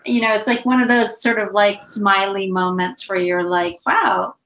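A middle-aged woman, a beauty brand founder, telling stories in a casual interview, animated and chatty with many asides. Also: medium pitch, normal speed. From United States. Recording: roomy echo.

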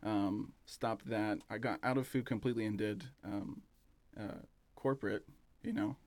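A man talking as an interview guest about his café, relaxed and rambling, with plenty of fillers and restarts. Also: fairly low pitch, normal speed, no room sound. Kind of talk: casual interview chat.

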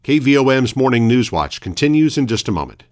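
A man reads local radio news as the host. His delivery is formal and measured, in a mid-pitched voice, like a scripted morning bulletin of announcements. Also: very animated, a little mellow.

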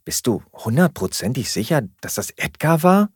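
A man voicing a skeptical, sharp-tongued woman flatmate who questions everything in a dry, doubting manner. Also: medium pitch, moderate pace, breathy edge, no room sound, pitched above the performer's own voice.

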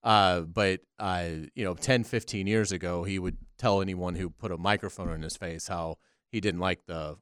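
A man co-hosting sports talk radio, giving commentary in a halting, conversational way. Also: low voice, steady tone, a bit bright, smooth, no room sound, studio quality.

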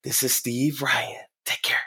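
A man hosting a motivational podcast in an earnest, encouraging way, his voice hoarse today. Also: mid-range voice, flat delivery, unhurried, bright, forceful tone. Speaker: podcast host.

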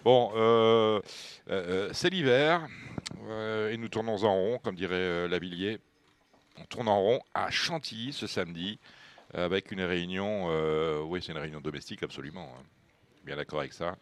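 A man's voice: low-pitched, moderate pace, clean tone. A man hosting a horse racing radio show, chatty and joking as he leads the talk. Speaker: radio host.

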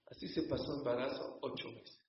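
A man's voice: medium pitch, fairly even intonation, brisk. A man telling a religious story dramatically to a congregation, speaking to the listeners directly. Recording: echoey hall, dull sound.

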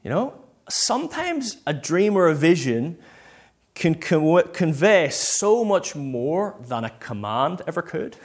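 This man's voice sits high and carries a breathy edge. He's a preacher from Northern Ireland giving a casual, conversational sermon packed with personal anecdotes, in which he quotes himself and performs little snippets of dialogue.

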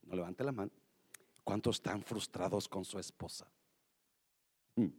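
A male pastor preaching to a church, lively and joking, dropping in English phrases. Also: low voice, a little slow, husky. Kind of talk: sermon.

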